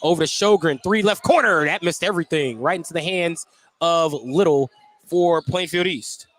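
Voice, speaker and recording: Courtside in an indoor gym, a man delivers live radio play-by-play of a basketball game. His voice is a little high and fairly bright, at normal speed, with gym noise and a bouncing ball in the background.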